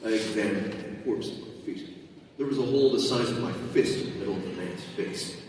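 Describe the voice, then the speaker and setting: A man narrating an audiobook live at a convention, expressive and often laughing, recorded in a large hall from a distance. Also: lowish voice, a little fast, slight background noise. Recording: roomy hall, distant mic.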